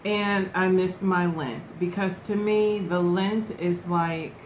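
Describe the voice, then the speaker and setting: A woman in her twenties or so chats to camera in an unhurried, easygoing way, her voice sitting a little low. The room around her rings with echo, and a faint hiss sits under her words. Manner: relaxed, chatty, eating while talking. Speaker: vlogger. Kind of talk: casual chat to camera.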